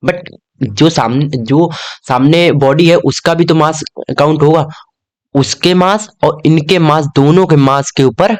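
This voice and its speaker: A man's voice: fairly high pitch, unhurried. A young man teaching an exam-prep lesson in a casual, chatty way, often checking in with "okay?". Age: young adult.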